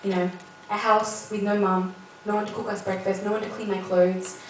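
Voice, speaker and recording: A woman's voice: mid-range voice, level tone, moderate pace. Young woman, earnest testimony, heard from a distance in a very echoey space with faint noise. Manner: earnest, heartfelt storytelling. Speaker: speaker sharing a personal testimony. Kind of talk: spoken personal testimony.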